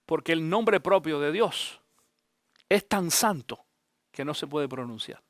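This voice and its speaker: A man, a pastor, giving an animated Bible teaching, often asking his listeners direct questions. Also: on the high side, takes it slowly, dry recording, clean studio sound.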